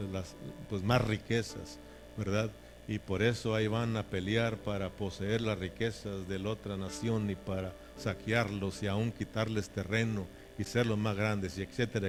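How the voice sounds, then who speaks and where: A man preaching a sermon in a folksy, joking way, often checking in with his listeners. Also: on the low side. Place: church.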